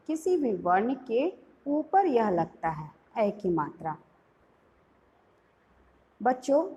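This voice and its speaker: A young woman teaching small children, slowly sounding out each syllable in a patient lesson. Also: fairly high pitch, a little mellow, a little hiss or hum.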